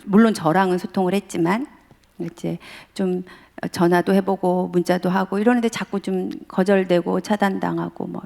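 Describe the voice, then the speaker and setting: A woman's voice: mid-range voice, creaky, a little mellow, long reverb tail. A middle-aged woman professor giving a sermon, telling family stories and speaking directly to the congregation. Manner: storytelling, addressing the congregation directly. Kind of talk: sermon at a dawn revival service.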